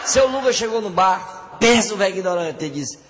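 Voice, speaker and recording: A man telling a string of jokes, leaping into high exaggerated voices for the characters. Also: expressive, a little fast, husky. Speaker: joke teller. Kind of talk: telling jokes to a live audience.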